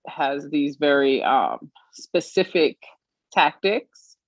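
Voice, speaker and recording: A woman from Australia giving an earnest personal account as an interview guest, pausing often with fillers. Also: low-pitched, animated, no room sound. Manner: earnest, measured, with frequent pauses and fillers. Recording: dry, slightly muffled stream audio.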